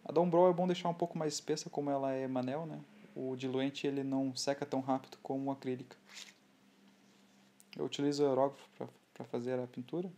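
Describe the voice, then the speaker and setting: A Brazilian man talks through a model-building tutorial at his workbench. His voice is dark and mellow, at a middle pitch. He is relaxed and unhurried, stopping to restart his phrases. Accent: Brazilian Portuguese. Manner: relaxed, halting, with many restarts. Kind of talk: hobby tutorial voice-over.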